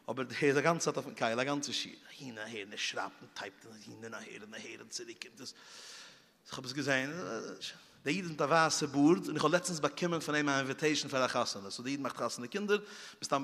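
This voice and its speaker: Bright-voiced man telling moral stories. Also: medium pitch. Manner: vivid storytelling with mouth sound effects. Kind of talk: moralizing storytelling talk. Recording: long hall reverb.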